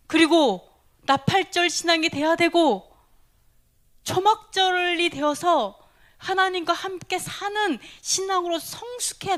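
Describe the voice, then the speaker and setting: Female preacher, high voice, questioning, laughing, sudden whispered asides. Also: fairly bright tone. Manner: asks the listeners questions, then drops to a breathy whisper; laughs often between phrases. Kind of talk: sermon.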